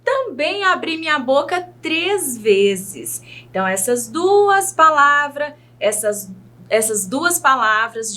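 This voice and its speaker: Brazilian teacher lady, high bright voice, slow and sing-songy, stretches words out for kids. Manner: slow, exaggerated enunciation of words; patient, asks questions to young learners. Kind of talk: children's video lesson.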